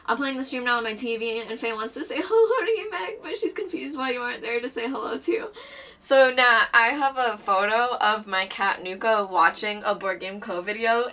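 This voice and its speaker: A woman chatting excitedly on a board game live stream, bubbly and rambling, a little out of breath. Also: a little high, distant mic. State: a bit out of breath. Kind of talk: casual live-stream chat.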